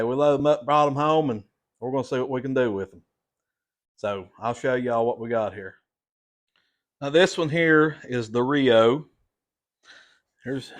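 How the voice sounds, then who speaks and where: A middle-aged man, chatting casually to viewers as a vlog host in a folksy, plain-spoken, halting way. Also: medium pitch. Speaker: host of a hobby repair channel.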